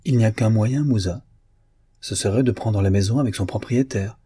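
Guy reading gentle young musician lady, coaxing softly, husky voice. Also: on the low side, normal speed. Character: gentle calm young woman musician, tactful.

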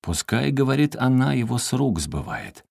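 A man reading a first-person story aloud in an expressive way, with his voice rising sharply in the quoted outbursts. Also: mid-range voice, moderate pace, vocal fry, no echo, studio quality. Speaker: audiobook reader.

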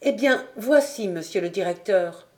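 A woman's voice: mid-range voice, expressive, measured pace, a little mellow, lightly acted. A woman reading the part of a shy but earnest poor boy apprentice in an audiobook, eager and a little flustered. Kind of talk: audiobook character voice.

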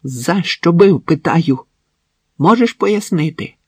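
A high, shrill voice of a cornered, desperate woman clutching a knife, as a male audiobook reader puts her on. She cries out in hysterical bursts, loud and strained. The tone is a little husky, recorded close and dry. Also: animated, slow pace, dry recording, heavily acted. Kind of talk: audiobook narration.

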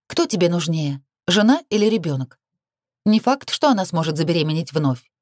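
A woman voicing a defiant, sharp-tongued young heroine who makes mocking retorts. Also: lowish voice, big pitch swings, normal speed, no echo, clean studio sound. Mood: scornful.

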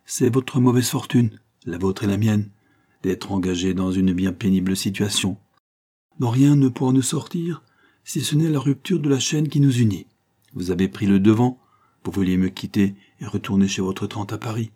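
In an audiobook, a man voices a brooding young lawyer, a wounded husband who is bitter and impassioned, pleading and reproachful. His voice is lowish, dark and husky, at a moderate pace.

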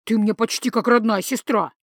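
A woman's voice: fairly high pitch, fairly even intonation, moderate pace, no echo, studio quality, lightly acted. A woman voicing a cheeky, pushy young male student who wheedles and persuades.

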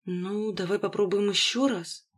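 Here is a young courtesan out of a fantasy audiobook, as a woman reader puts her on. She talks in a breathy, languid way, drawn out and low, and goes high and loud once she is scared. The reading is steady, without rush. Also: a little slow, close to an everyday voice. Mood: doubtful.

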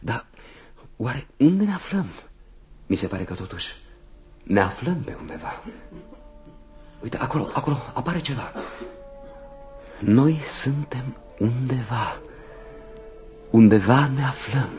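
An actor playing an anxious, brooding young soldier in a radio play, musing and sometimes whispering. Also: male voice, mid-range voice, animated, pauses often, faint music behind, close to an everyday voice. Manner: brooding, shifts to hushed whispers and loud outbursts. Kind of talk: radio drama acting. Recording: dull lo-fi radio recording.

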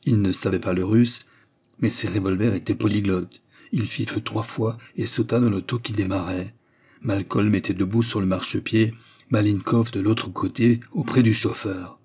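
A man reading a novel aloud in a steady, measured narration. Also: lowish voice, slightly rough. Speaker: audiobook reader. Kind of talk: scripted narration.

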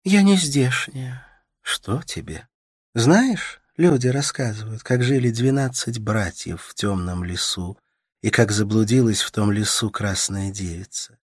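A man voicing a gentle, caring young woman in an audiobook, in a soft, soothing, sing-song manner. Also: fairly low pitch, a little slow, slightly rough, dry recording, studio quality, voice pushed up. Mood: storytelling. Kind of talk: audiobook character voice.

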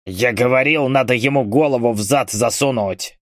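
A man voicing a furious male berserker who shouts threats. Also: mid-range voice, normal speed, no echo, studio quality, natural voice. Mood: raging.

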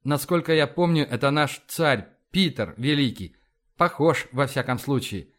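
A man reading an audiobook, voicing a calm, gentle male lieutenant who speaks slowly. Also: mid-range voice, close to an everyday voice. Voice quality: calm, slow, philosophical.

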